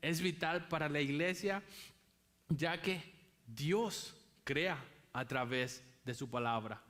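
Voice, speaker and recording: A man's voice: a little high, takes it slowly, a bit bright. A man preaching a sermon as pastor, emphatic and repeating key phrases for weight.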